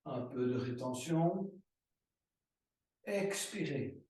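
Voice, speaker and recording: A man teaching a yoga class, giving slow, calm breathing and movement cues. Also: medium pitch, far from the mic. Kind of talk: guided yoga class instruction. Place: room recorded as an online class. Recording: roomy echo, voice from afar.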